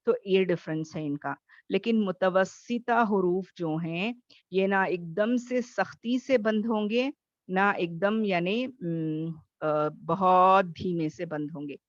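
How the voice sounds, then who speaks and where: A woman's voice: lowish voice, slow, no room sound, highs cut off. A woman teaching a Tajweed class online, explaining patiently and checking in often with her students.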